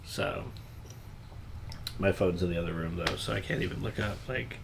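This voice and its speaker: A man's voice: low voice, normal speed, creaky, noisy background. A young man co-hosting a late-night livestream, chatting casually with many fillers and restarts. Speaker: livestream co-host. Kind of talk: casual chat.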